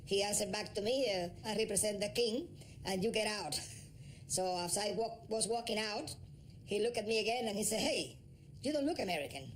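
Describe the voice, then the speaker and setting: A man's voice: high-pitched, lively intonation, normal speed, a little hiss or hum. A man born in Cuba, an investigator telling a story in an interview and acting out the quotes. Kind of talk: interview recollection.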